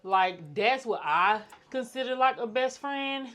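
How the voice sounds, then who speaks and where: A woman co-hosting a podcast in casual chat, speaking in a flat, nonchalant, one-tone way. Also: on the high side, unhurried. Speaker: podcast co-host.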